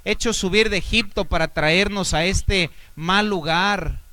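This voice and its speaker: A Mexican pastor preaching in a fairly high voice with a Mexican Spanish accent. He rises to loud exhortation, drops to quiet asides, and throws rhetorical questions at his listeners. The sound is dry and close, with little room echo. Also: measured pace. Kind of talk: sermon.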